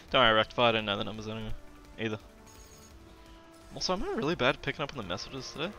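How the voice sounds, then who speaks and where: A man's voice: medium pitch, animated, quick pace, sharp tone, soft background music. A young man streaming a game and chatting casually, laughing often and swearing. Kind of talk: casual gameplay chat.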